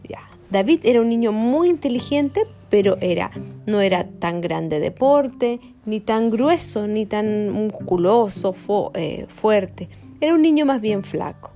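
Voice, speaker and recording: A woman telling a children's story in an animated way, jumping into character voices. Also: medium pitch, unhurried, soft background music.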